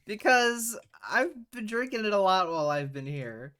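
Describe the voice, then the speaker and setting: A man's voice: high voice, sing-song, normal speed, sharp tone, clean tone. A man hosting a livestream in casual banter, joking and stumbling through a sponsor read. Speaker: cast member and stream host.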